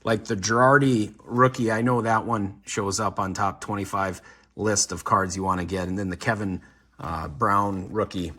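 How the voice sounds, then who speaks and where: A man's voice: lowish voice, steady tone, moderate pace, pushed and bright. A man hosting a card collecting channel, wrapping up a box opening in casual, upbeat talk with many fillers. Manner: upbeat, rambling with frequent "uh" fillers. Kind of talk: casual wrap-up talk to viewers.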